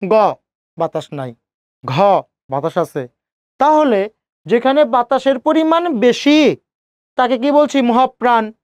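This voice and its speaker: Guy teaching an online class, repeats stuff slow, asks then answers himself, dead dry mic. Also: very high-pitched, expressive, no room sound. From Bangladesh. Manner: asks students rhetorical questions and answers them himself; repeats key points slowly. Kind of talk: online exam-prep lecture.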